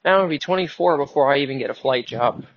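A man's voice: medium pitch, rapid-fire, a little hiss or hum. A man in his early twenties, host of his own show, rambling and thinking aloud in a casual, wry, self-mocking way while driving. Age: 20s. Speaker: podcast host. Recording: dull lo-fi sound.

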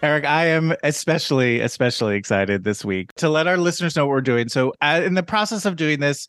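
A man's voice: fairly high pitch, animated, fairly quick, fairly bright tone, slight background noise. A man co-hosting a casual podcast, playfully reading quiz questions and laughing along. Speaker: podcast co-host. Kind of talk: casual chat.

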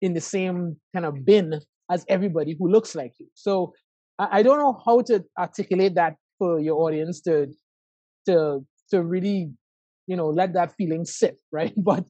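His voice sits high with a dark tone at a moderate pace as this professor in his forties, from Trinidad and Tobago and with a Trinidadian accent, speaks as a guest in an interview over a call. He's reflective and thoughtful, often tacking on "right?". The sound is lo-fi, with no room sound.

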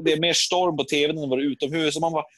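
A Swedish man in his thirties, co-hosting a casual chat and telling a lively story, mimicking the people in it. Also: very noisy. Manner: animated storytelling, jumps into high voices for quoted people. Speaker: podcast co-host.

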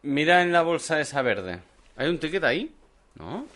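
A man's voice: fairly high pitch, sing-song, moderate pace, a bit bright. A man, co-hosting a casual beer-tasting podcast, trading teasing banter. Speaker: podcast co-host.

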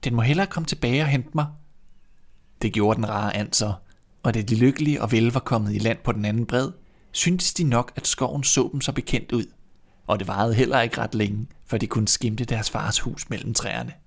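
A man reading a fairy tale aloud in a measured, expressive narrating manner, as host of a storytelling podcast. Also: lowish voice, gravelly.

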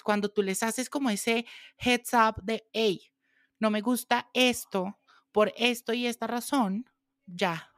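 A woman's voice: medium pitch, no echo. Woman host chatting w guest, emphatic, dry no-room sound. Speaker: podcast host. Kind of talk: conversational interview.

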